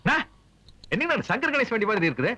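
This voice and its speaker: A man playing a cheeky driver in a comedy sketch, answering with deadpan replies. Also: high voice, quick pace, background noise. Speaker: comic driver.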